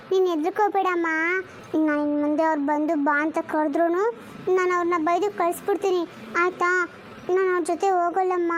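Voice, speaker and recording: A woman's voice: very high-pitched, slight background noise. A woman voicing a chatty, greedy little boy who loves snacks, talking in a whiny, pleading way.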